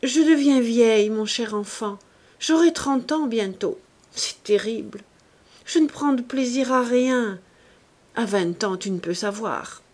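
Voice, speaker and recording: Brief: woman reader doing a bored young socialite, weary and petulant, breathy and unhurried. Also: medium pitch, lively intonation, darkish tone. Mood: brooding.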